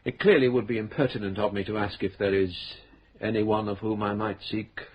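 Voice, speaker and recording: An actor playing a polite, patient police inspector with a measured, drily ironic manner in a radio drama. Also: male voice, on the low side, fairly even intonation, breathy edge, lo-fi sound. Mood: formal. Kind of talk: 1970s radio drama acting.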